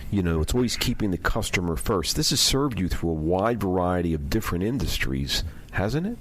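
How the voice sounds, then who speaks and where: Deep-voiced male radio host. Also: big pitch swings. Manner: probing, with halting restarts. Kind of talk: radio interview.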